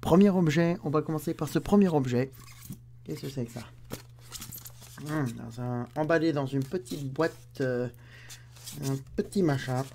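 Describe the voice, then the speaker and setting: A man's voice: fairly high pitch, a little slow, long pauses, mellow, slight background noise. A man hosting an unboxing video at home, chatting to the camera and grumbling aloud as he unwraps things. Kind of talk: casual talk to camera.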